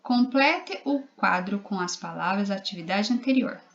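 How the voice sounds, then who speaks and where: A woman's voice: medium pitch, expressive, moderate pace, gravelly, highs cut off. A woman primary school teacher with a Brazilian Portuguese accent, giving a recorded literacy lesson to young children, spelling out letters and syllables patiently.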